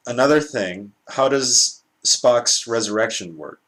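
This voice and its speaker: A man's voice: medium pitch, measured pace, a bit bright, rough recording. A man hosting a casual film review chat, rambling a little and restarting his sentences. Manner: rambling, restarts, laughs often.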